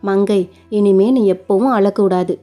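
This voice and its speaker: A woman's voice: medium pitch, measured pace, mellow, soft background music, lightly acted. A woman voicing a devoted young man who earnestly reassures his new bride in a spoken story. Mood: reassuring. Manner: earnest, reassuring, explains at length.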